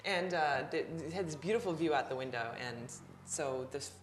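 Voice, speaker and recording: A woman in her thirties, an artist, talking casually and reflectively in her studio, pausing and restarting often with small laughs. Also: sits low, far from the mic. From Australia. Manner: hesitant, reflective, many restarts and soft laughs. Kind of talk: casual interview talk. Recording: roomy, mic set back, music behind.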